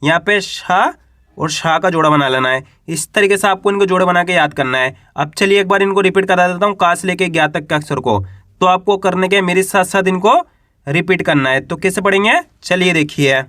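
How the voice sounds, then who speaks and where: A man teaching the alphabet, patiently drilling each letter with questions and examples, dropping lower and slower as he says each letter. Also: bright, forceful tone, dry recording, clean studio sound. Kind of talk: classroom-style lesson, repeating letters and examples.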